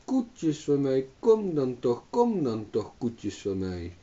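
A man's voice: normal speed, mellow. A man voicing a greedy old farm woman who calls cows by magic in a coaxing singsong, on a dull distant recording. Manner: coaxing singsong calls, shrill when angry.

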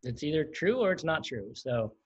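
A man's voice: a little high, sing-song, moderate pace, slightly rough. A man teaching a livestreamed coding lesson, chatty and explanatory, often laughing. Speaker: coding instructor. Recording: dull lo-fi stream audio.

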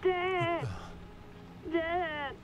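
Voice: very high voice, steady tone, extremely slow, full character voice. An actor playing a frightened, freezing young boy who shivers and pleads for his father in a video game, heard through a phone speaker. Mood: scared, pleading. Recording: muffled noisy clip on a phone.

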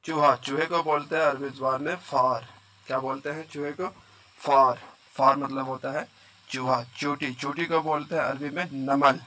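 A man's voice: mid-range voice, steady tone, normal speed, sharp tone. A man teaching a vocabulary lesson, repeating each word and quizzing the listener. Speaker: Arabic teacher.

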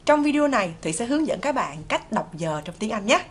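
A woman from Vietnam teaching an online English lesson in a friendly way, slowly repeating English phrases for learners to copy. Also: a little high, big pitch swings. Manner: friendly, slow drilled repetitions of English phrases.

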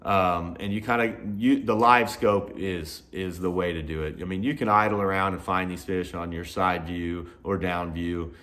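A man in his thirties giving a casual fishing report to camera from a garage workshop, relaxed, with frequent "uh" and "you know" fillers. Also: sits low, normal speed, few pauses. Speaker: fishing guide and host. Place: indoor garage workshop with tackle shelves.

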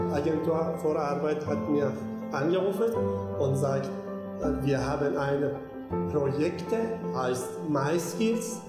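A man, an interviewed factory worker speaking slow, halting, simple German. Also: fairly high pitch. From Iran. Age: 30s. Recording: echoey factory hall, music under.

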